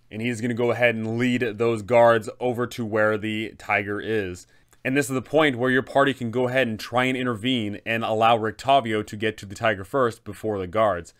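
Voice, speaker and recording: With a lowish, fairly bright voice, this game master in his thirties hosts an explanatory guide to a tabletop adventure. He gives advice to other game masters emphatically and methodically.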